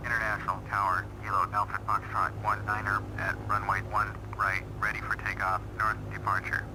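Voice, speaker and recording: A man voicing a pilot calling over the cockpit radio in clipped, flat radio phraseology. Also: on the low side, fairly quick. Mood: calm. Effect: cockpit radio transmission. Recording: loud noisy radio from far off.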